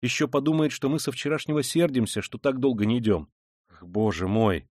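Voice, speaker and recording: A man's voice: medium pitch, a little fast, darkish tone, dry recording, studio quality, close to an everyday voice. A man voicing an anxious, fussy older mother who gushes, exclaims and rambles, reading a classic novel aloud.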